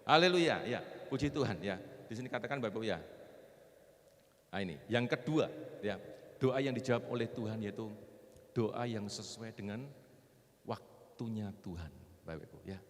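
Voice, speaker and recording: A middle-aged man preaching a sermon, questioning the congregation and moving between loud proclamations and quiet personal stories. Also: lowish voice, moderate pace, long pauses. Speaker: pastor. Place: church hall. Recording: echoey church hall with long reverb.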